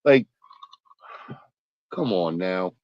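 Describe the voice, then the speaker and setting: A man's voice: sits low, animated, extremely slow, no room sound, dull audio. A man co-hosting a casual fantasy football podcast, rambling with lots of fillers, swearing casually and getting worked up. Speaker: podcast co-host.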